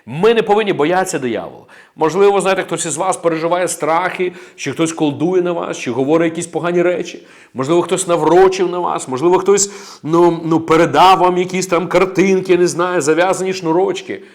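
A man's voice: high-pitched, fairly quick. A man preaching a sermon as a pastor, emphatic and declaring, breaking in with amens and praises.

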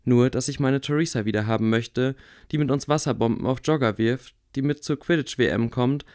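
A man reading aloud, voicing a calm, wry blind boy wizard who speaks quietly. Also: mid-range voice, normal speed, close to an everyday voice. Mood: earnest. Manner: quiet, level.

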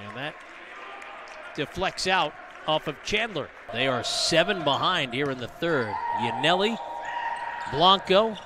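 Brief: high-pitched male play-by-play caller, brisk, noisy arena feed with gym sounds behind. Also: animated, crowd noise. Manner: brisk, rises to shouts on big plays. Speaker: play-by-play commentator. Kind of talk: live volleyball commentary. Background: gym ambience and ball bounces.

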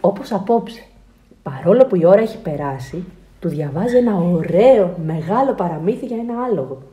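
A woman reading a children's picture book aloud with expressive storytelling. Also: fairly low pitch. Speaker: children's book reader and translator.

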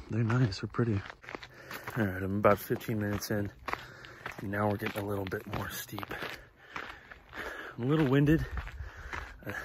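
A man with a low, gravelly voice narrates his own hike in an easygoing, meandering way, with plenty of filler words. He speaks into a handheld camera mic as he walks along an outdoor trail. The recording carries clear outdoor noise. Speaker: vlogger hiker. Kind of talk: casual hiking vlog commentary.

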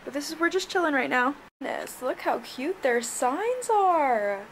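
Bubbly college-age female vlogger, sorority-girl chattiness, higher-pitched voice, roomy sound. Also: sing-song, a little slow, distant mic. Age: early 20s. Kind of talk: casual get-ready-with-me vlog chat. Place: small echoey rooms in an apartment and house. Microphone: handheld or propped vlog camera. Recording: roomy echo, faint background noise.

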